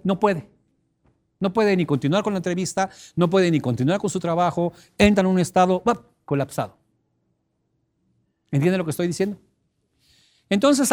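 A middle-aged man giving an expressive teleseminar talk, emphatic and repetitive, breaking into sudden loud cries to illustrate a point. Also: high voice. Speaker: personal development teleseminar speaker.

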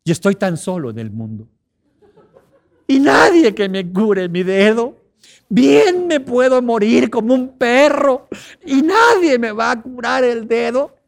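A man's voice: extremely high pitch, very animated, slow pace, vocal fry, voice pushed up, heavily acted. A man with a Mexican accent voicing a self-pitying man who whines and sobs melodramatically over a crushed finger. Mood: self-pitying wail. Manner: whiny, sobbing, melodramatic.

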